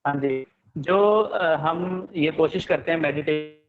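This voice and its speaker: A man giving a remote interview over a video call, explaining calmly while his call audio keeps breaking up. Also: fairly high pitch, slow pace. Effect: choppy call audio breaking up. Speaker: interview guest. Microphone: phone on a video call. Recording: tinny phone-like call line.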